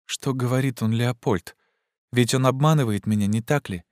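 A man's voice: medium pitch, slow, dark tone, dry recording, clean studio sound, voice pushed up, close to an everyday voice. A man voicing a frightened young wife who speaks breathlessly and pleads in alarm, in an audiobook reading. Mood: faint pleading.

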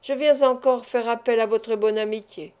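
A woman's voice: a little high, steady tone, normal speed, a little mellow, clean tone, lightly acted. A woman reading the part of a scheming man who presses his suit and threatens revenge. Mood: insistent. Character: scheming vengeful Spanish male suitor. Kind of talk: audiobook character reading.

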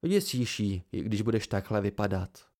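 A man's voice: fairly low pitch, big pitch swings, a little mellow. A man doing a cool, amused eccentric master.

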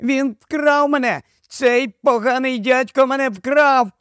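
A man voicing a frantic little boy who cries out in a shrill, near-shrieking voice. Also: takes it slowly, fairly bright tone, far from the mic, exaggerated voice.

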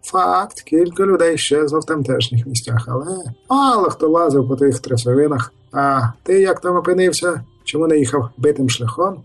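Man doing a blustering husky village reeve. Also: a little high, animated, normal speed, far from the mic, pitched above the performer's own voice. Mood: glum. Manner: blustering, shouting, gruff and jovial. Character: short fat irritable middle-aged male village reeve. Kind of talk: audiobook character voice.

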